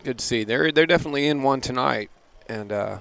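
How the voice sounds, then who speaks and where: A man's voice: medium pitch, fast talker, vocal fry, fairly bright tone, smooth. A man doing casual color commentary at an outdoor football game, chatty and full of restarts and "you know"s.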